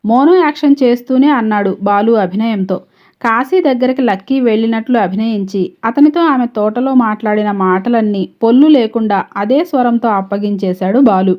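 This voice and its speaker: A woman narrates a serialized story in a steady, measured way. Her voice sits a little high. The recording is dull and lo-fi.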